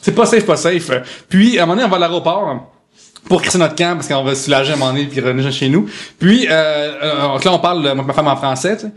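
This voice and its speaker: A man with a Québécois accent telling stories in animated casual chat on a podcast, repeating words as he goes. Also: on the high side, fast. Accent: Québécois French. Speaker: podcast guest.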